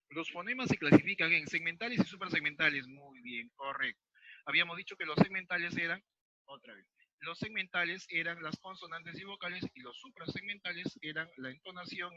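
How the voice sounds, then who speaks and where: A Peruvian man teaching an online class, explaining slowly and checking in with his students. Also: a little high, bright, forceful tone, no echo. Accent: Peruvian Spanish. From Peru. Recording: dull lo-fi sound.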